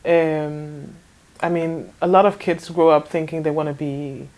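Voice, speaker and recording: A woman in her twenties from Denmark answers interview questions in a relaxed, casual way. Her voice sits fairly low for a woman. She hesitates often, restarts her sentences and laughs lightly between thoughts. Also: measured pace. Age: 20s. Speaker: interview guest, fashion designer.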